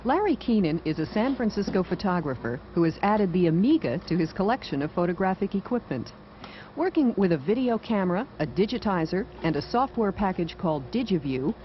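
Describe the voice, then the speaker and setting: A woman's voice: medium pitch, sing-song, normal speed. A woman reporter reading scripted feature narration. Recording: dull, noisy vintage TV audio.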